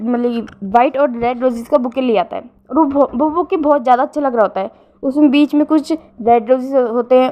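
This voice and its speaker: High-voiced woman casually retelling a story. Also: highs cut off. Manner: frequent fillers and self-corrections.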